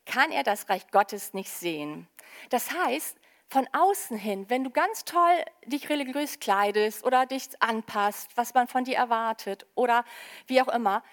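A woman preaching a sermon to her congregation in a lively, conversational way, with casual asides. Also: on the high side.

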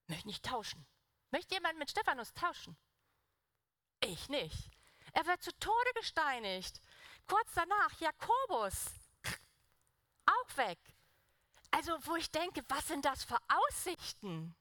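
A woman's voice: high-pitched, huge pitch swings, slow, long pauses, sharp tone, no echo, clean studio sound. A young woman preaching a sermon in an earnest, conversational way, putting direct questions to the congregation.

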